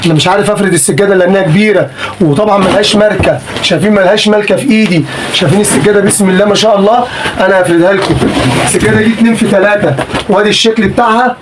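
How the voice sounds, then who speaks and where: A man's voice: high-pitched, rapid-fire, background noise. A man with an Egyptian Arabic accent selling secondhand goods in a vlog. He is pushy and repetitive, and he sounds exasperated as he haggles. He records himself on a phone camera indoors. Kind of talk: sales pitch vlog.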